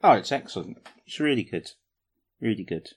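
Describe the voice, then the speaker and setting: A man with a somewhat low voice chats casually on a podcast. He rambles with plenty of ums, jokes at his own expense and keeps things light and chatty. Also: animated, moderate pace, slightly rough. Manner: jokey, self-mocking, rambling with fillers. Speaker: podcast co-host. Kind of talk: casual chat about tabletop wargaming.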